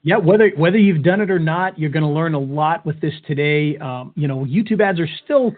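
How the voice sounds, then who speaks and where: A man's voice: a little high, fairly quick. An upbeat, joking man co-hosting and presenting a casual, informal webinar. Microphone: webcam webinar call. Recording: tinny, phone-like band-limited webinar audio.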